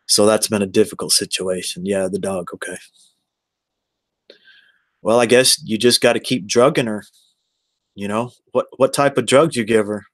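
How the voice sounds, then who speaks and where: Rambling on his livestream, this American live streamer in his forties talks casually and greets viewers individually. He has a lowish voice at normal speed, leaves long pauses, and the recording is dry.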